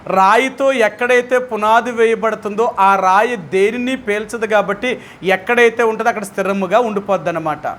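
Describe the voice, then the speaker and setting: A man's voice: high voice, normal speed, fairly bright tone. A man with a Telugu accent leading a Bible study as pastor, who keeps putting questions to his listeners and speaks with emphasis.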